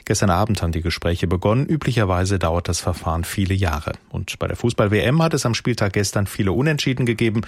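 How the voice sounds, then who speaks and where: Man, low voice, radio newsreader, scripted delivery, very dry studio. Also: fast, few pauses, slightly rough, no room sound. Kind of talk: scripted news reading.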